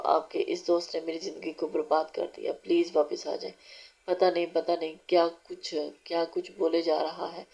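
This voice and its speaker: Audiobook narrator: woman, low and even, mellow tone, dull lo-fi recording. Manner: steady, unhurried reading with small restarts. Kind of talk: reading a romance novel aloud.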